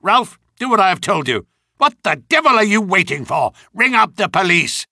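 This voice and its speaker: A bristling old colonel barks threats in a raised, sharp voice, put on by a man reading a story. His pitch jumps high when he shouts and the voice stays bright and dry. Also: very animated, normal speed, dry recording, exaggerated voice. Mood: commanding. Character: furious old male army colonel, bristling.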